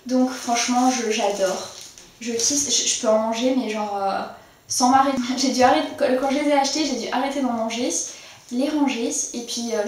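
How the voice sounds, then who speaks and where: A young woman chats casually through her favourites of the month, her voice a little high. She fills her talk with hesitations and restarts. The recording picks her up from some distance in a very echoey room. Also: darkish tone. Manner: chatty, with frequent fillers and restarts. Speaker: beauty vlogger. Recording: very echoey room, mic set far off.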